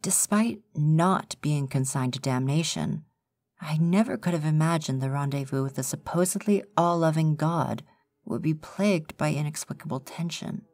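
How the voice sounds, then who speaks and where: A woman giving an ASMR horror story reading, in measured, formal storytelling. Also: low voice, darkish tone, no echo. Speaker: narrator.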